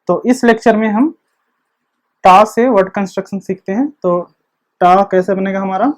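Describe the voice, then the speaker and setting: A man giving an online video lecture, explaining slowly and step by step while he writes. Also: high voice. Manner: slow, step-by-step explaining, repeating the same check word. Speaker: teacher of a script.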